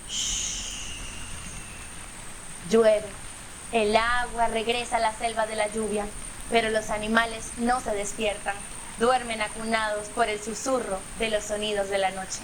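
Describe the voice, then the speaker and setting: Woman storyteller, high voice, slow and animated, bedtime story with sound effects. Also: noisy background. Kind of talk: expressive children's story reading.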